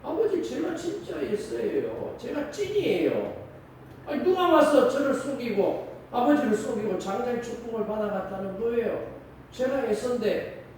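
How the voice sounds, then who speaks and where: A rough, hot-tempered hunter brother rants and pleads, as a pastor plays him. The echo of a big hall and a distant mic are plain. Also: male voice, very high-pitched, big pitch swings, moderate pace, a little mellow, slight background noise. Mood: insistent. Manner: rough and angry.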